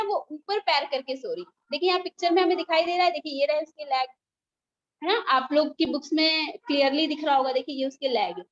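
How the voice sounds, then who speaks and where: A woman teacher reading a story aloud in an online class, going slowly and repeating each line, then asking the children questions. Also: very high-pitched, muffled recording.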